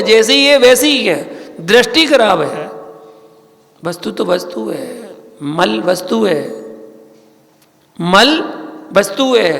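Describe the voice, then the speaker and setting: A man, a Jain monk, giving a sermon, teaching slowly with repeated phrases and questions to his listeners. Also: high-pitched, gravelly, a bit bright, big-room sound. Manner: slow, repetitive teaching with questions to the audience.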